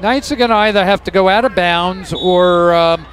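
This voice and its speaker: A man giving live commentary on a high school football game in an easygoing, laid-back way. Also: moderate pace, fairly bright tone. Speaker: color commentator.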